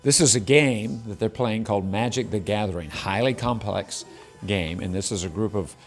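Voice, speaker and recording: A man's voice: on the low side, normal speed, faint music behind. A man reporting live on a morning news show from inside a game shop, upbeat and joking with the people he meets. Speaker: field reporter.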